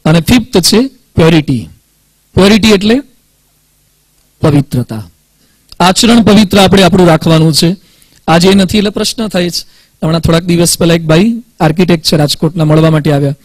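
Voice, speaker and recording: High-voiced Gujarati man giving a talk. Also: fairly quick, no room sound, low-quality recording. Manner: storytelling, acting out dialogue, mixing in English words. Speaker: swami giving a motivational talk to students. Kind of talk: motivational talk with anecdotes.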